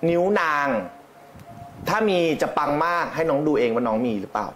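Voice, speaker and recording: A man's voice: lively intonation, fairly quick, fairly bright tone. A man reading palms on a casual live stream, chatting and talking straight to the viewers. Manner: chatty, addresses viewers directly, jumps high in pitch when joking. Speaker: palm reader.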